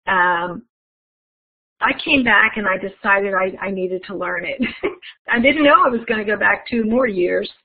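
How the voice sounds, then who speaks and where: This keynote speaker has a gravelly, husky, mid-pitched voice and takes her time. She presents the conference talk as a webinar, warmly walking the audience through an interactive exercise, and the sound is thin and phone-like.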